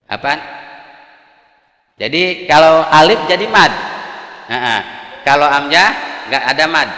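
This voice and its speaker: A man with an Indonesian accent leads a Quran recitation lesson, breaking each syllable apart slowly and chanting the examples. His voice is bright and carries, with a long echo from the hall around him. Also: a little high. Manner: slow, patient, sounds out syllables one by one and chants examples. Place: religious gathering hall. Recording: echoey hall.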